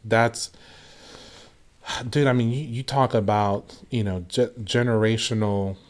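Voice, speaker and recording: A man's voice: on the low side, fairly even intonation, measured pace. A man in his thirties co-hosting a casual faith podcast, talking earnestly and reflectively with lots of fillers and restarts. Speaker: podcast co-host.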